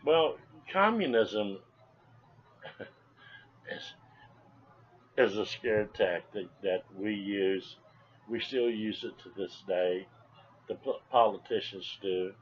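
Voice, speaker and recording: Seventy-year-old veteran remembering, dull lo-fi recording. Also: male voice, on the low side, animated, takes it slowly, pauses often. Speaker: Vietnam veteran being interviewed. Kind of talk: informal interview, personal recollection. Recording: dull lo-fi sound, background noise.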